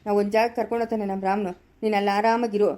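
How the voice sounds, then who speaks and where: A woman's voice: mid-range voice, little pitch movement, rapid-fire, mellow, pitched below the performer's own voice, natural voice. A woman with a Chikkaballapura-area Kannada accent voicing a stern older village man who comforts and commands, vowing revenge, in a family village drama. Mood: scolding. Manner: commanding, reassuring, threatening.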